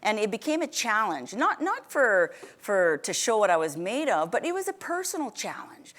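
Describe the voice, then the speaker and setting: A middle-aged woman giving a motivational keynote, telling stories in a chatty, animated way, restarting sentences often and laughing a lot. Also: mid-range voice, normal speed. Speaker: keynote speaker. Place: event stage before an audience.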